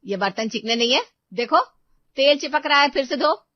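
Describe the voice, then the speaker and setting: Brief: a woman playing a furious cartoon housewife, biting and sarcastic, high-pitched, dry lo-fi read. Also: animated, moderate pace, no echo. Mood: scolding. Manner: harsh, shouting, sarcastic. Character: angry scolding young housewife. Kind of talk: cartoon storybook voice acting. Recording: dull lo-fi voice track.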